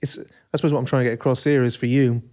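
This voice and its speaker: A man's voice: mid-range voice, level tone, fast, a little mellow. A man co-hosting a podcast, talking reflectively about change and teasing his co-host. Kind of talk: casual chat.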